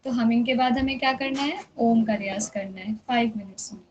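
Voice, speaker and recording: A woman's voice: on the high side, fairly quick, darkish tone. A young woman teaching a singing lesson, patiently checking that students follow and drawing out syllables to demonstrate. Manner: patient, checks understanding often. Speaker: music teacher. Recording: dull lo-fi sound with faint noise.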